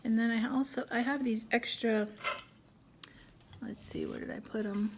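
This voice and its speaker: A middle-aged woman hosts a casual crafting tutorial from home, chatting and thinking aloud as she works. Her voice sits on the high side with a steady tone and a slightly mellow quality, at a normal pace. There's a little background noise.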